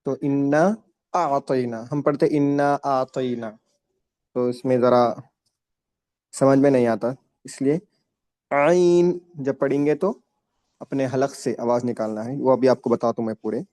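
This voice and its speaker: A man teaching a children's tajweed class, stretching each letter slowly and explaining patiently in with mixed in. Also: medium pitch, dark tone, dry recording. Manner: slow, drawn-out letter pronunciation with patient explanations. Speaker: Quran recitation teacher.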